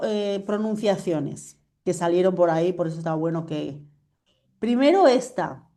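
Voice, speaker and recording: Lady teacher on a video call, warm mellow voice, keeps asking if everyone follows. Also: fairly low pitch. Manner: patient, checks understanding often. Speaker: French teacher. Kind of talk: online class explanation.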